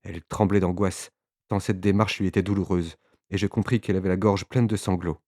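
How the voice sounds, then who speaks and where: A man narrating a literary audiobook in a measured way, with occasional small hesitations. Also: sits low, fairly even intonation, a little mellow, no echo, studio quality.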